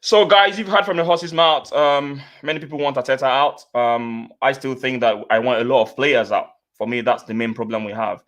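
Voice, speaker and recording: A man's voice: mid-range voice, steady tone, moderate pace, few pauses, a bit bright. A man from Nigeria hosting a casual football reaction live stream, reading out viewer comments and repeating himself as he goes. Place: home studio, remote guests on call.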